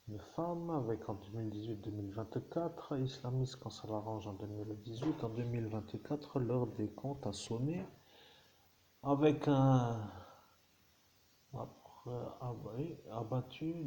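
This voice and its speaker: A man's voice: medium pitch, dark tone, a little hiss or hum. A man reading out tabloid crime stories and commenting in a rambling, hesitant way, with half-muttered asides.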